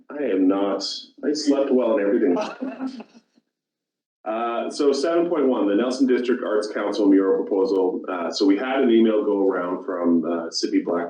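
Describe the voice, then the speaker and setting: Chairing a public commission meeting, this man speaks in a warm, fairly low voice. His talk is informal and halting, and he corrects himself as he goes. The audio is roomy, distant and dull, like a council room.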